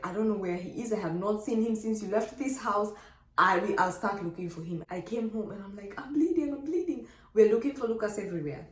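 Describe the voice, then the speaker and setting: A young woman animatedly telling her birth story to the camera, acting out quoted dialogue. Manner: lively, acts out quoted dialogue with big pitch jumps. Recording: echoey room.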